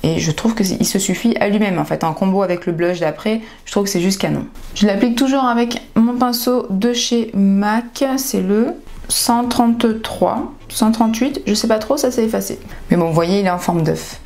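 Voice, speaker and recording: A woman's voice: medium pitch, normal speed, a little mellow. Woman, beauty vlogger, groggy morning voice, casual makeup tutorial, chatty, candid, trails off and restarts.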